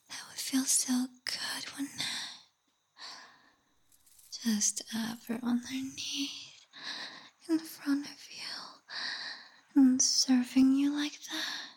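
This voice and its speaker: A woman speaking in a teasing, taunting whisper for a roleplay audio, with soft hums and sighs between lines. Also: high voice, poor audio. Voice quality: breathy. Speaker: voice actor.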